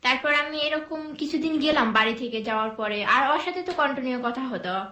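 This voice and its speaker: Soft-spoken young woman, hesitant, echoey room. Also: sits high, animated. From Bangladesh. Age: young adult. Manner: soft, hesitant, with many pauses and fillers. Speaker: guest telling her life story. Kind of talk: conversational storytelling interview.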